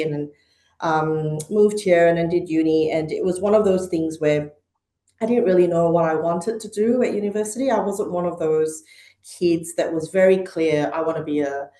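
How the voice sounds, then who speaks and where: On the low side and warm in tone, this woman's voice belongs to a middle-aged podcast guest from Malaysia and Hong Kong. She's thoughtful in a conversational interview, using frequent ums and uhs, recorded in an echoey space.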